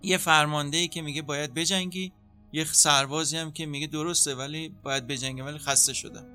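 A man speaking as a psychotherapist in an interview, calmly explaining how treatment works and acting out what a therapist says. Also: fairly high pitch, faint music behind. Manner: calm, explanatory, acts out therapist dialogue. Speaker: psychotherapist guest.

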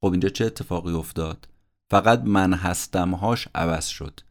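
A man hosting a podcast, summarizing a self-help book in a conversational, earnest and motivational way, acting out the people he quotes. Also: low-pitched.

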